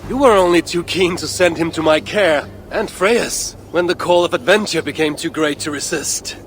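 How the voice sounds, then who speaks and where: An actor playing a proud, brooding Norse god king in a video game, speaking with solemn, archaic formality in a gravelly voice. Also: a little high, normal speed, fairly bright tone, a little hiss or hum, natural voice. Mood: stern, wrathful. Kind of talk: dramatic game cutscene acting.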